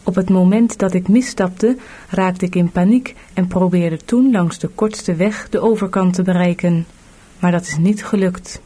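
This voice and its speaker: A woman's voice: fairly low pitch, fairly even intonation, a little slow, mellow, husky. A woman voicing a weary, burdened male pilgrim in a storybook audiobook, earnest and plain.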